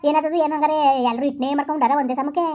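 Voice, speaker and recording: A woman's voice: sits high, fairly even intonation, rapid-fire, warm tone, muffled recording, natural voice. A woman playing a harried young village housewife with a baby, who talks back defiantly and complains in a comedy skit. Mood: complaining.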